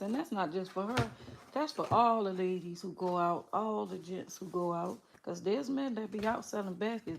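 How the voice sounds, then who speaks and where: A woman's voice: medium pitch, gravelly, slight background noise. A middle-aged woman, chatting casually with viewers on a livestream, teasing and laughing often. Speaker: livestream host.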